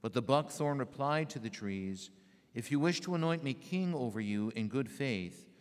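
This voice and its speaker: Solemn priest in an echoey church. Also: male voice, medium pitch, lively intonation. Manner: measured, solemn reading. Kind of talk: liturgical recitation. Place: large church.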